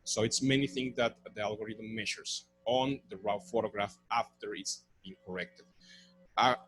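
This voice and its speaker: A man's voice: fairly low pitch, fairly even intonation, normal speed, fairly bright tone, slightly rough, faint music behind, rough recording. A man presenting at a conference, answering audience questions in a technical, explanatory way.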